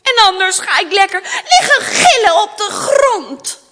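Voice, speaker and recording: A woman's voice: fairly high pitch, big pitch swings, measured pace, very noisy. A woman voicing a spoiled, demanding young princess in a storybook reading, whiny and insistent. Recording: long hall reverb.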